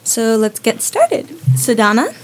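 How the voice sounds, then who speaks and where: A woman's voice: fairly high pitch, huge pitch swings, a little slow, a little hiss or hum. A young woman co-hosting a youth radio show, chatting eagerly and sometimes stumbling over her words. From New Zealand and Samoa. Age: young adult. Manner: enthusiastic, chatty, a few stumbles. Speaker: co-host. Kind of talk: casual radio chat.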